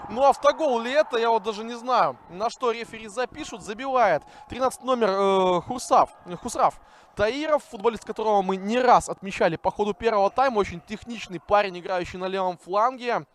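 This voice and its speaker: High-pitched man commentating live football. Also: a little fast. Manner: excitable, rising to shouts at attacks.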